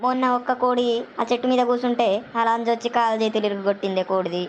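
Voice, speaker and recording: A woman with a Telangana Telugu accent playing a quarrelsome village woman who curses loudly at stray hens. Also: fairly high pitch, fairly even intonation, quick pace, dull audio, a little hiss or hum, lightly acted. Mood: ranting. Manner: loud cursing rant.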